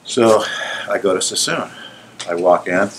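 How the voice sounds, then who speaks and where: A middle-aged salon owner and hairdresser tells animated stories from his career in a casual interview, laughing often and asking "you know what I'm saying". His voice is low and a little slow, with slight background noise.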